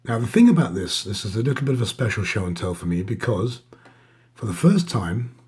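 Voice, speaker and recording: Husky man with swollen sore-throat voice. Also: lowish voice, sing-song, a little fast, a little mellow. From Denmark. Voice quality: husky, raspy. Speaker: watch reviewer. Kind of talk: casual product show-and-tell.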